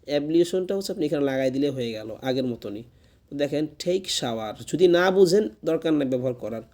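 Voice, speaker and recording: A man's voice: a little high, animated, brisk, a little mellow. A man teaching spoken English, drilling each word by repeating it several times and often checking whether the class is following. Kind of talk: classroom lesson with drilled repetition.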